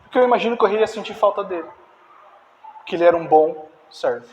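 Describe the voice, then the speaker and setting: A man's voice: sits high, fast, highs cut off, a little hiss or hum. Man preaching in a reverberant hall. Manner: animated, acts out dialogue, directs slide operator. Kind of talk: sermon. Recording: distant reverberant church hall.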